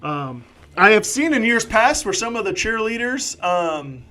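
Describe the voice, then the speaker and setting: A man doing live play-by-play football commentary, excitable and jokey with rambling asides. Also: sits high, unhurried.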